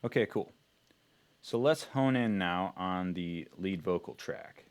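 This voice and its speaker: A man with a low voice speaks at a slow pace, casually explaining his music production work. He's a music producer presenting an informal tutorial.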